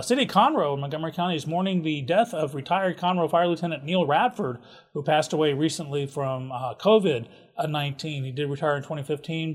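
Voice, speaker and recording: A man hosting a casual local events rundown, chatty and jokey with offhand asides. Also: fairly high pitch. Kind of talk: casual community calendar rundown.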